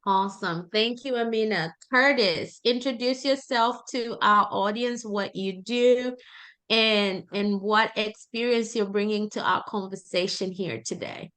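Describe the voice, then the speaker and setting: A woman's voice: medium pitch, measured pace, a bit bright. A woman hosting a panel discussion on leadership, prompting her guests in a friendly way. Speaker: host, moderator.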